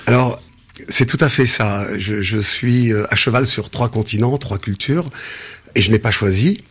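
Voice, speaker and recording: A man in his sixties from Senegal, answering interview questions in a measured way with frequent hesitations and restarts. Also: fairly low pitch, husky. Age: 60s. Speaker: interview guest, business founder.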